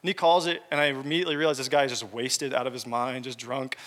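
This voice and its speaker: Guy preaching, tells stories w/ jokes to the crowd, bright voice, big echoey church hall. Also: medium pitch, level tone, quick pace. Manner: conversational, joking asides to the congregation. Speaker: pastor. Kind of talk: sermon with personal storytelling. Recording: long hall reverb.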